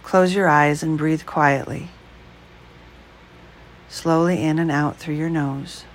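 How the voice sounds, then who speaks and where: A woman leading a guided breath meditation, speaking slowly, calmly and softly. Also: low-pitched, slight background noise. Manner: slow, calm, soft-spoken.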